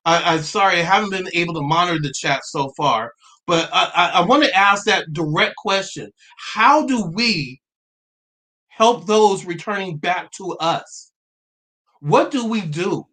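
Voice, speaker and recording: A man in his forties hosts a livestream in a somewhat high voice, speaking earnestly. He halts and restarts often, and now and then laughs at himself as he reads out viewer comments. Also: animated, unhurried, sharp tone. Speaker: livestream host. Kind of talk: live-streamed talk reading viewer comments.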